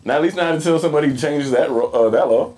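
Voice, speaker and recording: A man's voice: fairly high pitch, slight background noise. A man co-hosting a casual podcast chat, joking and swearing as he riffs on sports and news. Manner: animated, joking, profane, quick.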